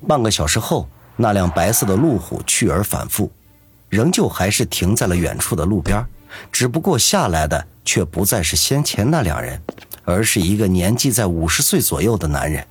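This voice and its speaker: A man narrating a serialized novel with expressive storytelling. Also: sits low, normal speed, soft background music. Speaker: audiobook narrator.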